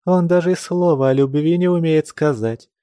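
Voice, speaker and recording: A man's voice: on the high side, moderate pace, warm tone, no room sound, pitched above the performer's own voice, lightly acted. A man voicing a passionate, distraught woman who pleads and cries out in anguish. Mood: bitter.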